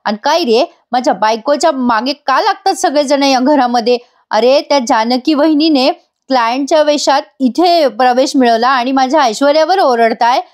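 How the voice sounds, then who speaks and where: A woman voicing a young husband who shouts in defence of his wife. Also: high voice, moderate pace, close to an everyday voice. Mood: shouting defensive. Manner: shouting, protective.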